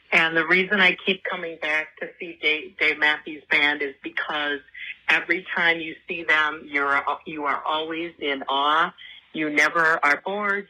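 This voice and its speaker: A woman's voice: deep voice, bright, forceful tone, rough recording. A woman leaving an earnest fan voicemail, re-recorded by playing it from a phone held up to a speaker. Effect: voicemail played from a phone held up to a speaker.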